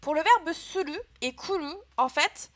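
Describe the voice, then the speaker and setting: A woman's voice: high voice, expressive, a little slow, fairly bright tone. A young woman teaching a live online language class, patiently explaining grammar step by step and checking in often with her students. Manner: patient, clear explaining with frequent "euh" and "hein" checks. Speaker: Japanese teacher.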